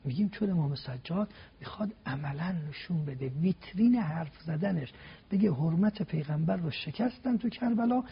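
A man's voice: fairly high pitch, animated, gravelly, husky. A man giving a religious talk on a TV program, laying out his points one by one with emphatic rhetorical questions. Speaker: religious guest speaker. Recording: dull lo-fi broadcast sound.

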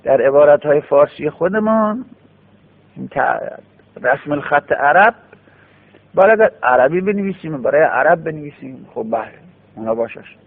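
A man's voice: a little high, expressive, creaky. A man giving a classroom grammar lecture, explaining patiently step by step and repeating key forms. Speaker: teacher of Arabic grammar. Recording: tinny phone-like radio broadcast.

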